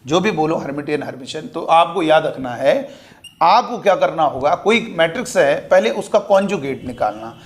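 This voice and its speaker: A man's voice: a little high, expressive, normal speed. A man teaching maths to exam students, working through a problem step by step and asking and answering his own questions, with spoken.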